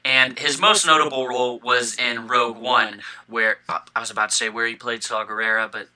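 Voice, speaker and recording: A man's voice: medium pitch, fairly even intonation, fairly quick, bright, forceful tone, rough recording. A young man co-hosting a casual fan podcast, talking enthusiastically with lots of fillers and restarts, with the hiccups. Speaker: podcast co-host.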